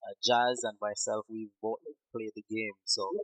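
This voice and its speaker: A man hosting a radio interview, asking rambling, halting questions. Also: lowish voice, little pitch movement, dry recording, poor audio. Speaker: radio show host.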